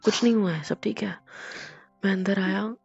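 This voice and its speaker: A man playing a young husband in a romantic audio drama, calming his wife in soft, hushed, gentle whispers. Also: high-pitched, normal speed, creaky, husky, no room sound, dull audio, soft background music, heavily acted. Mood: soothing.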